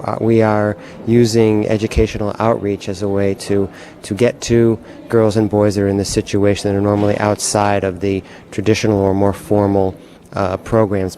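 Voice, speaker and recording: A man speaking at a conference, giving a measured interview statement and searching for words. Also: fairly low pitch, warm tone. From United States.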